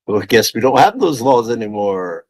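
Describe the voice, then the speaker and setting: A man hosting a casual livestream chat, blunt and quick to agree. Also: medium pitch, no echo, low-quality recording.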